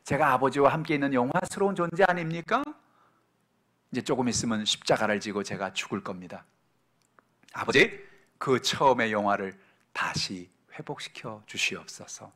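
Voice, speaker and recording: A pastor giving voice to Jesus praying, reverent and pleading. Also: male voice, medium pitch, lively intonation, normal speed, fairly bright tone. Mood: earnest prayer. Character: Jesus, a grown man praying earnestly to his Father.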